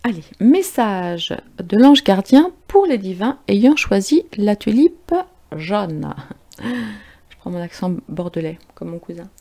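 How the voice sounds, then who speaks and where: A woman's voice: medium pitch, expressive, slow, vocal fry, dark tone. A woman giving a casual spiritual card reading to her viewers, chatty and informal, with frequent fillers and self-corrections. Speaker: tarot and oracle card reader.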